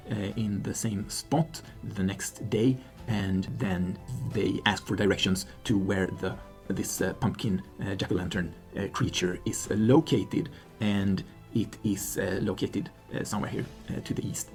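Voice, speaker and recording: A man's voice: fairly low pitch, mellow. A man hosting and narrating a solo tabletop game, thinking aloud hesitantly with many fillers. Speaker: solo game player and host.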